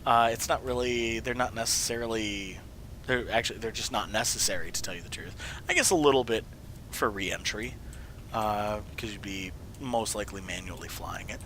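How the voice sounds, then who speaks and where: A man with a cold talks casually through his game builds as a video host, rambling, joking and correcting himself. His fairly low voice is hoarse, pushed and bright, at normal speed, and it sometimes fades to a whisper between sniffles, with slight background noise.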